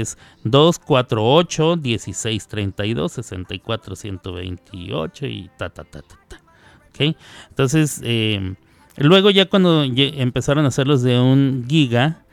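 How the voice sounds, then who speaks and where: A man's voice: mid-range voice, vocal fry, clear, resonant tone, dry recording. A man hosting a radio show, talking casually and drifting off on tangents as he corrects himself. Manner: rambling, digressive, self-correcting. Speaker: radio host.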